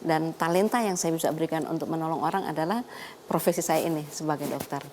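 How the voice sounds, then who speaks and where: An older woman doctor, a guest on a talk show, telling her story in a lively way and laughing often. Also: low-pitched, quick pace, slight background noise.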